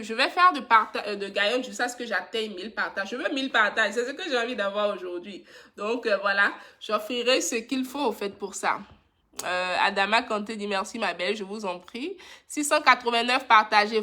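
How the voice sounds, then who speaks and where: Woman, live-stream host, casual and affectionate with viewers, slightly high and bright, forceful voice.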